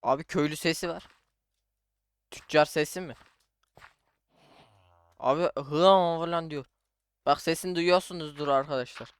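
A man's voice: a little high, normal speed, pauses often, smooth, dry recording, clean studio sound. A young man casually commenting on his own Minecraft playthrough, chatting to himself and his viewers as he plays. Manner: chatty, talks to himself while playing, says "abi" and "arkadaşlar" often. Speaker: gaming YouTuber.

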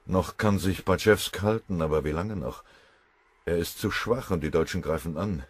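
A man reading an audiobook voices a worried male Soviet staff general who sounds anxious and hurried. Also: deep voice, slightly rough, dry recording.

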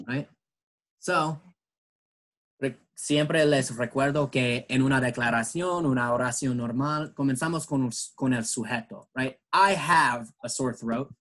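Slow, patient bilingual English teacher man. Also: mid-range voice, low-quality recording. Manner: slow, patient explaining, switching between English and Spanish. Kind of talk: bilingual classroom lesson.

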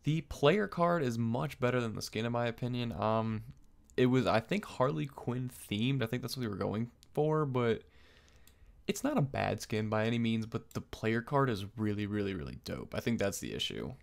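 A young man with a mid-range voice speaks at a moderate pace in an animated way, hosting casual video game commentary from a desk in an indoor room. The recording is clear, with game noise and video game ambience behind him.

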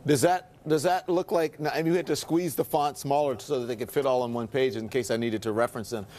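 A man anchoring a cable news panel discussion, brisk and sometimes sarcastic as he questions guests. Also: mid-range voice, fairly even intonation, darkish tone.

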